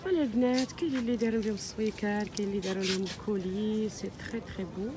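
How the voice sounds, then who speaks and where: A woman's voice: medium pitch, racing, background noise. A woman with a North African Arabic accent in French, chatting casually as she vlogs around an outdoor market. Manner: chatty, switching between French and Maghrebi Arabic. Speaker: vlogger showing market clothing stalls. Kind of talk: casual vlog chat. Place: outdoor seaside street market.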